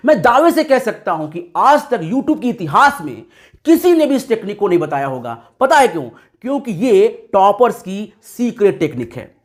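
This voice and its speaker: A man's voice: sits high, very animated, normal speed. A man gives exam advice in a lesson, calling his students kids and pressing each point home. His voice rises and falls a lot as he repeats the key steps for emphasis. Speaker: teacher.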